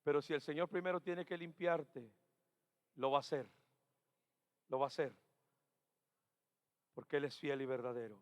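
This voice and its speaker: A man preaching a Pentecostal sermon as pastor, dropping to quiet murmurs, then rising to shouted exhortations, and repeating key phrases. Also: on the high side, steady tone, moderate pace, long pauses. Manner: acts out doubting churchgoers' questions. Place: church sanctuary. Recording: reverberant church hall.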